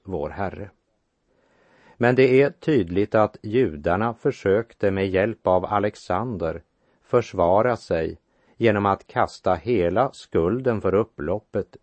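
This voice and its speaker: A man giving a measured sermon that explains Bible passages and reads verses aloud. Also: sits low, a little mellow, no room sound. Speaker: preacher. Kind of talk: radio sermon, Bible exposition.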